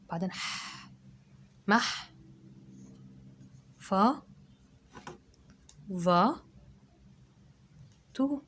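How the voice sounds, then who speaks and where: A woman teacher with an Egyptian accent, giving a dictation lesson to children and sounding words out syllable by syllable, loud and drawn out. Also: mid-range voice, slight background noise. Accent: Egyptian Arabic.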